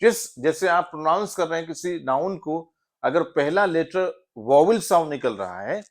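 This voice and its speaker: A man's voice: fairly high pitch, animated, moderate pace. A man teaching an English grammar lesson, switching between Hindi and English, spelling words out letter by letter and answering his own questions. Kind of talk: classroom-style grammar lesson.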